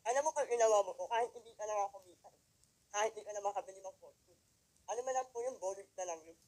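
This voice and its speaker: A man from the Philippines with a high-pitched voice tells his story to a live audience in an emotional testimony. He speaks straight to the crowd with pointed rhetorical questions. He jumps from loud, emphatic lines to quiet, hushed ones. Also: fast talker, rough recording. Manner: swings between loud emphatic lines and quiet near-whispers. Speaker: motivational speaker at a company event.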